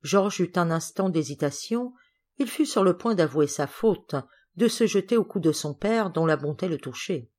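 A woman reading a classic children's novel aloud as an audiobook narrator, measured and clear. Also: fairly low pitch, lively intonation, darkish tone. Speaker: audiobook reader. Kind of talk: storybook narration.

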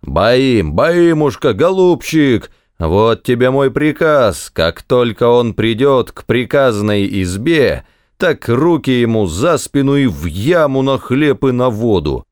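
A man voicing a drunken, bullying male clerk who shouts coarse orders in an audiobook story. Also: mid-range voice, big pitch swings, takes it slowly, dry recording, clean studio sound, pitched above the performer's own voice. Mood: bellowing. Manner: shouting, coarse, slurred and bragging.

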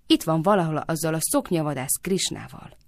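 A woman's voice: animated, darkish tone, dry recording. A woman doing a spiteful, scolding village busybody. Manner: shrill scolding accusations. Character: scheming suspicious old woman, quick to anger.

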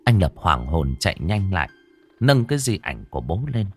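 A man's voice: low-pitched, big pitch swings, normal speed, a little mellow, slightly rough, no room sound, soft background music. A man narrating a scripted ghost story in a dramatic, suspenseful way.

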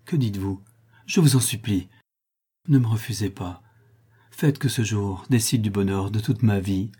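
A man's voice: on the low side, moderate pace, warm tone, husky. A man voicing a passionate noble prince who pleads tenderly, in an earnest manner, for an audiobook. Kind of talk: audiobook reading.

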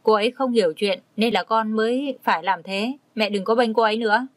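A woman's voice: fairly high pitch, a little fast, no echo, natural voice. Woman reading as a stern young husband. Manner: firm, scolding. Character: young husband, busy professor, stern when angry.

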